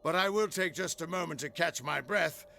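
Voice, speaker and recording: A gravelly, spry old fighter. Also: male voice, a little high, very animated, unhurried, pushed and bright, a little hiss or hum, exaggerated voice. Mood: jovial. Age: older. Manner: jovial, boastful.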